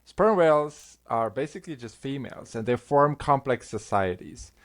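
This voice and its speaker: A middle-aged Slovenian-born linguistics professor speaks as an interview guest in a conversational exchange. His mid-range voice is expressive, but his delivery halts, full of restarts and fillers.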